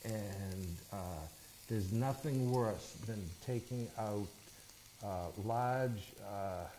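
A middle-aged male chef talks through a cooking demonstration in a warm, mellow voice. He explains each step patiently and keeps checking in with his audience. Faint noise and sizzling pans sit behind him. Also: fairly low pitch, very slow, rough recording. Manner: explanatory, checks in with "okay?" and "all right?". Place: studio kitchen set, indoors.

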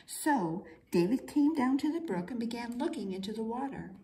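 Reading a storybook for young children, a woman with a slightly high, mellow voice speaks at a normal speed and stays expressive. Her delivery is theatrical and sing-song. The recording is rough.

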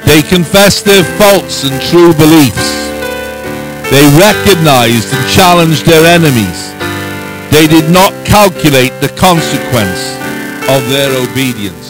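Male preacher, middle-aged, slightly high voice, slow measured declamation, solemn. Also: lively intonation, music in the background, rough recording. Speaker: preacher and prayer meeting leader. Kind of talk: sermon, reading out a prepared summary. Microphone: handheld microphone held close.

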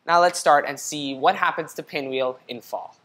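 Reading a picture book aloud for kids, this young adult man addresses the children directly, posing questions and keeping his pacing clear. He speaks at a moderate pace in a sharp voice on the high side. The setting is an indoor studio set, captured with a lapel mic.

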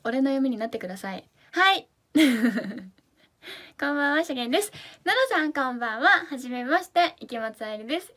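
High-voiced bubbly woman, Hakata accent. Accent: Hakata dialect. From Fukuoka, Japan. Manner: bubbly, chatty, drops to soft asides. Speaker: idol livestream host. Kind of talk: casual livestream chat reading comments.

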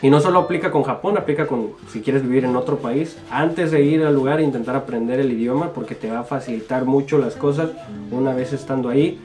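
This guest YouTuber, a Mexican man in his twenties, has a medium-pitched, slightly mellow voice and talks briskly, with faint music behind him. Sitting in a small home studio, he reads viewer comments in a casual, joking way. His accent is Mexican Spanish, and he laughs often and stays informal.

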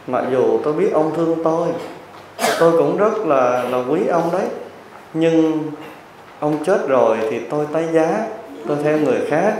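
A man's voice: on the high side, lively intonation, normal speed, noisy background, voice pushed up, lightly acted. A man voicing a cold, practical wife who turns down her dying husband in a told story. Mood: cool refusal. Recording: very echoey hall, distant mic.

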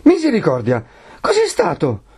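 A man voicing an excitable middle-aged housekeeper who cries out in alarm. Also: a little high, normal speed, husky, pitched above the performer's own voice, full character voice. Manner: exclaiming, alarmed.

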